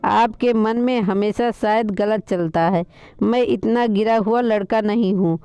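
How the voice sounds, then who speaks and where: A woman voicing a young male boss who calmly insists on an apology, slipping English phrases into his talk. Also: medium pitch, measured pace, clean tone, dry recording, natural voice. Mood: insistent.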